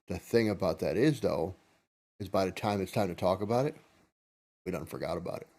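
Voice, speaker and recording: A man's voice: sits low, a little fast, warm tone. An older man co-hosting a podcast, talking in a casual, emphatic way and repeating his points. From United States. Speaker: podcast co-host. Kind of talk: casual chat.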